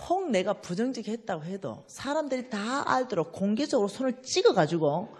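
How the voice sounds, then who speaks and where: Female preacher, Gyeongsang accent, husky, very lively pitch, acts out her story. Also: a little fast, long reverb tail. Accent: Gyeongsang Korean. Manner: animated storytelling, acting out dialogue. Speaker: church finance speaker. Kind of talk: lively testimony sermon.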